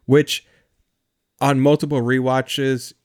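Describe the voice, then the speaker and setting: A podcast co-host chats casually about a horror film, enthusiastic and joking throughout. His mid-range voice is slow and flat in delivery, even as he discusses the movie with excitement.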